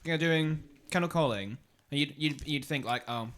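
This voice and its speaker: A man's voice: on the high side, normal speed, fairly bright tone. A man co-hosting a podcast, chatting casually and confidently with firm opinions. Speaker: podcast co-host. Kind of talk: casual chat.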